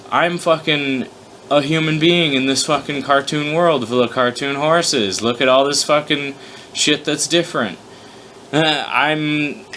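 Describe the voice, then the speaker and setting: A man with a mid-range, slightly bright voice hosts an informal reading of his own fan fiction, mixing in casual, profane commentary. He swears freely, mocks himself, and stumbles over his lines. There's a little hiss or hum in the recording.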